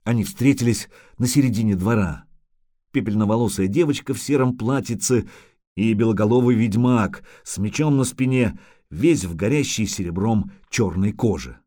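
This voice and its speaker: A man giving a dramatic, expressive audiobook narration on a close mic. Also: on the low side, normal speed, no echo. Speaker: audiobook reader.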